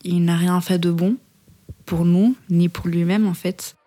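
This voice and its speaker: Jeune femme hésitante, italien, posée. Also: female voice, fairly low pitch, fairly even intonation, measured pace, dark tone. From Italy. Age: 20s. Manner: hesitant, many fillers. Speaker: interviewee. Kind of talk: documentary interview.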